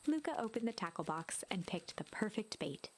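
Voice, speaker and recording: A woman's voice: mid-range voice, very animated, moderate pace, husky. A woman reading scripted storybook narration for a video game. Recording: music behind the voice. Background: game music.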